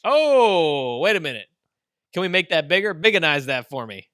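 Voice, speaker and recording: A man's voice: fairly high pitch, very animated, moderate pace, a bit bright, clear, resonant tone, no room sound, studio quality. A man co-hosting a podcast, chatting jokily and reading out a comedy script, laughing and restarting lines. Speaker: podcast co-host. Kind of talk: casual chat and script reading.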